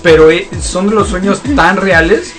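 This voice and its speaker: A man co-hosting a radio show, recounting his dreams in a relaxed way. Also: sits high, normal speed, faint music behind. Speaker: radio co-host. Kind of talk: casual radio chat.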